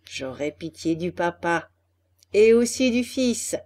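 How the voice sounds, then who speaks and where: A woman voicing a small, wise male cricket who speaks in a calm, measured, lecturing way in a storybook reading. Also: on the low side. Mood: stern.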